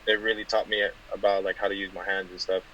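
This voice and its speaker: A young man from California, a guest football player, talking softly in a casual interview with lots of fillers. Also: deep voice, flat delivery, quick pace, lo-fi sound, slight background noise. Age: 20s. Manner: soft-spoken, many fillers and restarts.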